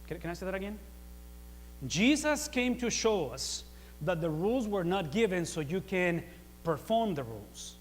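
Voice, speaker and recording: High-voiced man preaching in an echoing hall. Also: moderate pace, a little hiss or hum. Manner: animated, swinging between quiet asides and loud emphatic peaks; conversational, with rhetorical questions and repeated phrases. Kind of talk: sermon.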